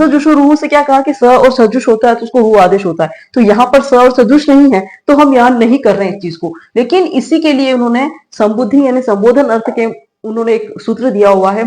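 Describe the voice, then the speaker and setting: A middle-aged woman teaches a grammar class in a fairly high voice. She moves patiently from point to point, puts questions to her students and answers them herself. Short check-ins punctuate her explanations. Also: a little mellow, rough recording. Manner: explains step by step with rhetorical questions, frequent "theek hai". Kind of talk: classroom lecture.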